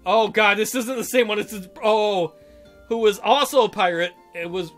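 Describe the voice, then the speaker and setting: In a let's-play of a visual novel, a man reads aloud with playful commentary, theatrical jokes, and plenty of giggling. His voice is high and a bit bright, his pace moderate, and music runs under it.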